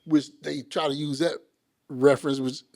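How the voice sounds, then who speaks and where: A man's voice: fairly high pitch, normal speed, gravelly. A man telling stories in casual podcast chat, acting out the people he quotes. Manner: animated, acts out quoted people.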